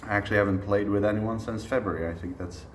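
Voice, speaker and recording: In an echoey room with faint underlying hiss, a man in his thirties from Sweden teaches a music masterclass in informal lecture style. His low voice is relaxed and reflective, unhurried, and dotted with frequent "uh" pauses.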